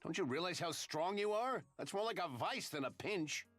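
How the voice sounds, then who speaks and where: A man's voice: high-pitched, lively intonation, normal speed, a bit bright, soft background music. An actor playing a blunt, weary male military commander in a game, dry and exasperated. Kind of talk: game voice acting.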